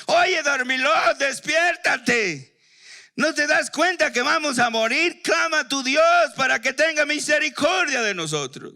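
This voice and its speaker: A man voicing panicked sailors who shout and urge a sleeping man to wake and pray. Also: very high voice, animated, voice pushed up, full character voice. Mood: alarmed. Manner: shouting, slow and urgent.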